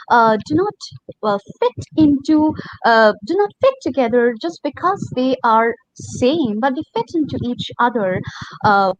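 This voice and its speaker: A woman, asking a prepared interview question deliberately, with many hesitations. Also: on the high side, dry recording. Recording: dull, dry, lo-fi audio.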